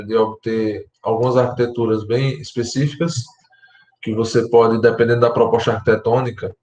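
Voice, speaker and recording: A Brazilian man lecturing architecture students online, explaining step by step and often checking in with his class, his voice going hoarse. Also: mid-range voice, roomy sound. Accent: Brazilian Portuguese. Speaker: university lecturer.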